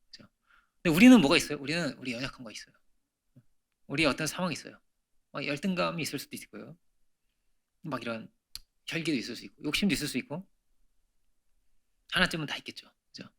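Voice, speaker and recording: A man's voice: on the high side, quick pace, vocal fry, pauses often, slightly rough. A middle-aged man preaching a Sunday sermon in a church, talking conversationally, asking frequent rhetorical questions and swinging from emphatic peaks to near-whispers. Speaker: pastor. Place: church sanctuary.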